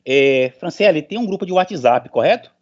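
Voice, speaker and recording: A middle-aged male professor addresses an online meeting in a slightly high, animated voice at normal speed. He's informal, emphatic, and motivational, repeating phrases for emphasis, and the online call audio is dull and lo-fi.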